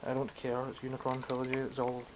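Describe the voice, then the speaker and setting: This young Scottish vlogger collects toys and chats unscripted about his haul from behind the camera, rambling with dry self-mockery. He talks fast in a monotone at an ordinary middle pitch, phlegmy and occasionally coughing, over a faint hiss from the camera mic.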